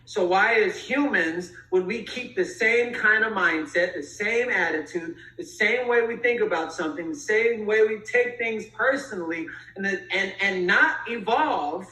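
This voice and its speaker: Bright, echoey woman giving motivational talk. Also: medium pitch, a little slow, few pauses, far from the mic. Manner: earnest, emphatic, repeats phrases. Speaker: guest speaker.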